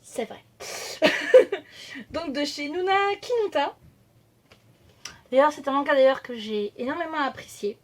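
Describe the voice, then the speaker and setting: Une jeune femme vloggeuse qui bavarde avec beaucoup d'hésitations et d'autocorrections, filmée au téléphone. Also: female voice, high voice, expressive, slow pace, long pauses. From France. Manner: chatty, hesitant, many fillers and self-corrections. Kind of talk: casual chat. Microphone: phone camera.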